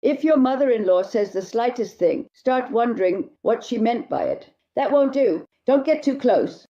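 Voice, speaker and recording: A woman's voice: on the high side, lively intonation, normal speed, warm tone, highs cut off. A woman marriage therapist answering viewer questions, giving blunt, emphatic advice and speaking straight to the listener.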